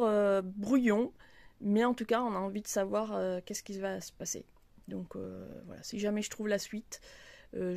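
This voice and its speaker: A woman's voice: mid-range voice, darkish tone. A woman chatting casually about her books in a vlog, hesitant, with many fillers and restarts. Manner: talks with her hands. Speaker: book vlogger. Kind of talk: casual chat. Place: outdoor terrace.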